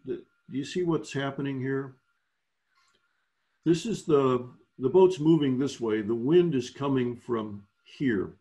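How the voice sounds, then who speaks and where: A man's voice: mid-range voice, mellow. A man instructing newer sailors in a virtual clinic, explaining step by step and often restarting his phrases. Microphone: video call.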